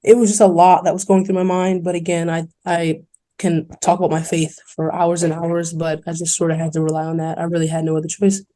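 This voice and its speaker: Young woman, from New York City, earnest and candid, even pitch, warm mellow tone, interview guest. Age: young adult. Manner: earnest, fast-flowing, quoting others in lively voices. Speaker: college basketball player, podcast guest.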